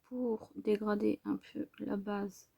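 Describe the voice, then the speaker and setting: A woman narrating a makeup tutorial in a soft, hesitant way, often dropping to a whisper. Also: medium pitch, little pitch movement, slow pace, vocal fry, slightly rough. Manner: hesitant, many fillers. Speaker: makeup vlogger.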